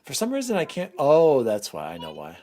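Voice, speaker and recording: A man hosting a casual gaming podcast, chatting with his co-hosts and jumping in quickly. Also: mid-range voice, wildly swooping pitch, background noise. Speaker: podcast host.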